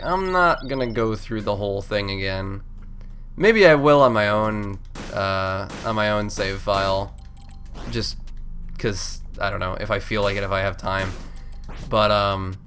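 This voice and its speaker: A let's play host with a stuffed-up, congested voice rambles casually through his video game commentary, cutting himself off and swearing freely. His voice is on the low side and a bit bright, with a slight hiss or hum. Video game music plays behind him.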